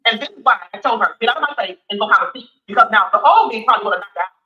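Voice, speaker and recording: A woman's voice: medium pitch, animated, very fast, bright, forceful tone, echoey room, lo-fi sound. A woman in her sixties, a candidate answering interview questions in an emphatic, repetitive, defensive way. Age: 60s. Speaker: city council candidate.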